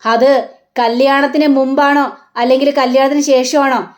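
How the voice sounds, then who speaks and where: A woman voicing an angry mother-in-law who slowly and sternly interrogates her daughter-in-law. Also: high voice, steady tone, natural voice. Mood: harsh, demanding. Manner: slow, demanding, scolding.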